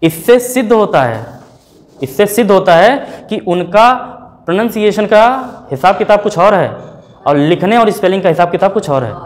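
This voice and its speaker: A man teaching a classroom lecture, breaking words down letter by letter in a slow, deliberate way. He keeps turning to his students with rhetorical questions and pushes them to answer. His delivery is that of a teacher talking to a room of learners. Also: high-pitched, animated. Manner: spells words out slowly, sound by sound. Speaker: English teacher.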